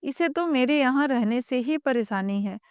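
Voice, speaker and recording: A woman's voice: high voice, normal speed, clear, resonant tone, dry recording, clean studio sound, lightly acted. A woman voicing a lazy, scheming young sister-in-law who talks in a mocking, shameless way. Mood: taunting.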